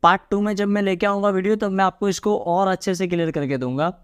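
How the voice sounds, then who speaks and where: A young man with an Indian accent teaching a lively lesson, asking his viewers rhetorical questions and calling them guys. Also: high-pitched, quick pace, smooth. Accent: Indian English. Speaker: English teacher. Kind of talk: classroom lesson.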